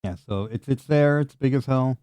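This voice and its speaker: A man hosts a tabletop roleplaying game in a casual, chatty way. His voice is dark and relaxed at a middling pitch, with a dry, close sound. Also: moderate pace, clean tone, no room sound. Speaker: game master and host.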